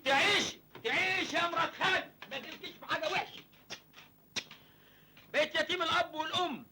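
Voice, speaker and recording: A man's voice: extremely high pitch, fast, noisy background. An actor playing a cheeky, wheedling orphaned young village man in an Egyptian comedy film, with an Egyptian accent. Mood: pleading. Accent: Egyptian Arabic.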